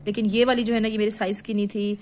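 This woman, a young mother and vlogger from Pakistan, talks quickly in a mid-range voice while displaying her purchases indoors at home. She films on a handheld phone camera, coaxing and chatting to her kids in a lively way, and there's slight background noise.

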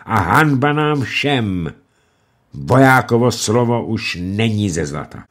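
A man voicing a calm, defiant captured soldier who speaks steadily and proudly. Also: medium pitch, pitched above the performer's own voice, lightly acted.

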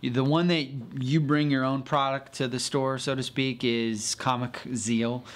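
A man's voice: mid-range voice, unhurried. Man explaining apps casually. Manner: relaxed, explanatory, with many fillers and restarts. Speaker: podcast co-host reviewing comic apps. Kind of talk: casual chat. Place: comic store, indoors.

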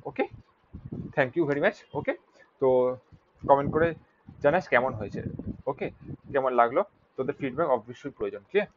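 Fast-talking male biology teacher. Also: medium pitch, expressive, background noise. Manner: rhetorical questions, frequent "clear?" checks; mixes Bengali with English terms. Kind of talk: exam-prep lecture. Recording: dull lo-fi recording.

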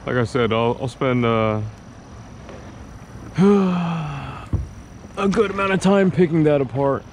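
Pitched on the high side with lively intonation, this young man talks slowly as he fishes from a kayak on a lake. The fishing vlogger chats to himself and the fish, poking fun at himself, while water and outdoor sounds carry in the background.

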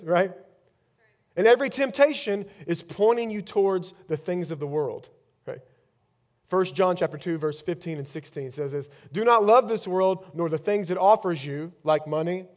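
A man in his thirties whose voice sits high gives a sermon as pastor on a large church stage. Wearing a headset mic, he shifts between loud eruptions and softly spoken lines.

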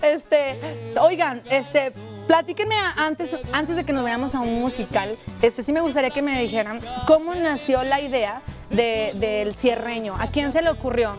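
High-voiced chatty Mexican woman host. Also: over music. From Aguascalientes, Mexico. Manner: chatty, playful, quick asides. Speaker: TV music show host. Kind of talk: lively studio interview. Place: TV studio with a band. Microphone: handheld mic.

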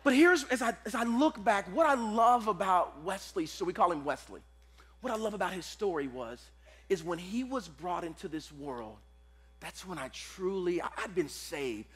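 A pastor preaching to a live church congregation. He is casual and energetic, and he uses slang and repeats his phrases. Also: sits high, moderate pace, slightly rough.

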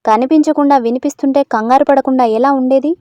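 A woman voicing a feisty, sharp-tongued young woman who talks in quick exclamations in a storybook. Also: high-pitched, steady tone, no echo, pitched above the performer's own voice, lightly acted. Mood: frightened sassy.

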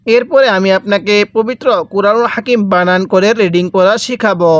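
A man from Bangladesh teaching a Noorani Qaida lesson, spelling out syllables slowly and having listeners repeat after him. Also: high voice, dry recording. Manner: slow spelled-out recitation of letter drills, repeating each syllable. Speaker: Quran reading teacher.

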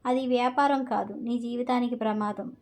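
A woman's voice: on the high side, fairly even intonation, moderate pace, a little mellow, close to an everyday voice. A woman reading the lines of a stern older father who lectures his son firmly. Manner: firm, lecturing.

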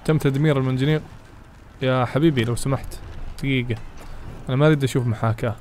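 A man giving excitable let's play commentary, chatting to his viewers and reading game text aloud as he plays. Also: mid-range voice, very fast, slight background noise. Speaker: gaming channel host.

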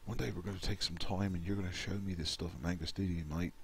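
A man's voice: low voice, steady tone, fast talker, vocal fry, slight background noise, pitched above the performer's own voice. A man imitating a cheerful British male friend, with a clumsy British accent and a chummy manner. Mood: friendly. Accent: British, self-described as poor. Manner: chummy, saying mate.

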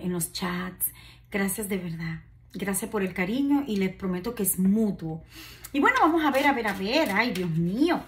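A woman in her forties giving a casual tarot reading to camera, chatty and reassuring, with many fillers and asides. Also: mid-range voice. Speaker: tarot reader. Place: decorated indoor room at a table.

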